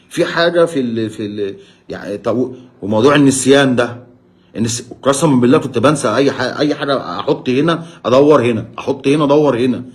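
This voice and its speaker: Egyptian man, mid-pitched, self-filmed phone monologue, pleading, keeps repeating his questions. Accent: Egyptian Arabic. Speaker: diabetic patient sharing his experience. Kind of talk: emotional direct-to-camera monologue. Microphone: phone camera.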